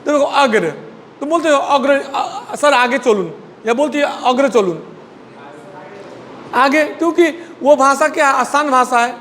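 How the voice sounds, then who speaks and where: A man's voice: extremely high pitch, a bit bright, long reverb tail, a little hiss or hum. A man teaching a Hindi class, drilling word pairs, repeating each word and prompting students to answer. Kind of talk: classroom lesson.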